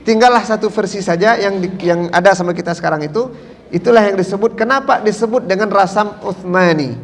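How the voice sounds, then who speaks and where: Minang-male preacher, lecture style, quizzes his audience, high pitch, echoing mosque hall. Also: creaky, a bit bright, slight background noise. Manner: questions the audience and answers himself, with many tag fillers. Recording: long hall reverb.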